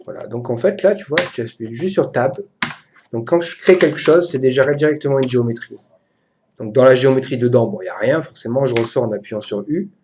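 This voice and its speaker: A man with a French accent giving a casual, chatty software tutorial to a friend, hesitant and full of fillers. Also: mid-range voice, fairly quick, slight background noise.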